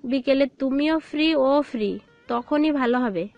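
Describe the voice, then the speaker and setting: A woman voicing a friendly, easygoing middle-aged mother who talks in a warm, welcoming way in an audio drama. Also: high-pitched, a little slow, gravelly, highs cut off, soft background music. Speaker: voice actor. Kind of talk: Bengali audio love-story drama.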